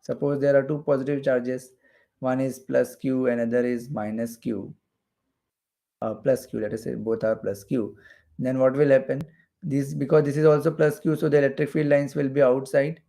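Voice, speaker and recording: With a warm, medium-pitched voice touched by vocal fry, a male physics teacher from India speaks in a level tone at a moderate pace. His lecture for exam preparation is explanatory, delivered while he draws diagrams, and he repeats phrases for emphasis.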